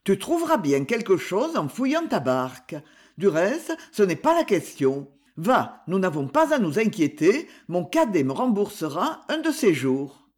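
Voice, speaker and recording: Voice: medium pitch, big pitch swings, measured pace. An audiobook reader voicing a hearty, frank village craftsman and father who speaks jovially and bluntly in a storybook reading.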